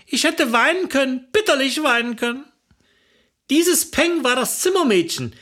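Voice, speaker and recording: Animated woman telling a comic tale. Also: high-pitched. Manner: chatty, wry, animated. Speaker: narrator. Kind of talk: comic storytelling.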